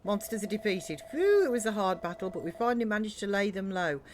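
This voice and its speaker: A woman's voice: medium pitch, lively intonation, fast talker, a little hiss or hum, pitched above the performer's own voice, natural voice. A woman voicing an earnest, formal soldier and builder in game dialogue read aloud. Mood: grave. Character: earnest, formal soldier-builder questioning beliefs and rallying allies.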